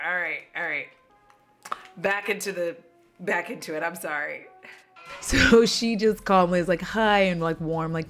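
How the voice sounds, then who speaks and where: A woman's voice: fairly low pitch, a bit bright. A woman casually recapping a film at home while doing her makeup, chatty and dramatic, with frequent profane asides. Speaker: vlogger retelling a film.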